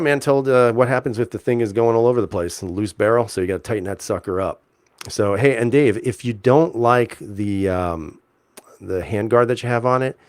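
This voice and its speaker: Laid-back low-voiced man reading chat. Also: no echo, clean studio sound. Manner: laid-back, chuckling, lots of fillers and restarts. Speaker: livestream host reading chat. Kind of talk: casual live-chat talk.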